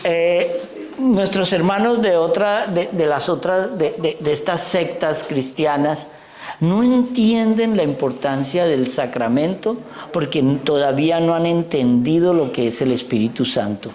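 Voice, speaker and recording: Chatty priest preaching in an echoey church. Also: male voice, a little high, animated, a little slow, darkish tone. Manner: chatty, digressive, addresses the congregation directly. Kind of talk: conversational sermon. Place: church before a congregation.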